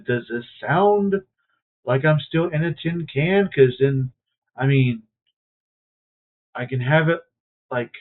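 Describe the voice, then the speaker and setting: A man streaming and commentating a wrestling video game in a casual, hesitant way, his voice coming through a tinny, tin-can-sounding mic. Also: a little high. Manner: hesitant and musing, with many fillers. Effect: tinny, tin-can-like phone sound.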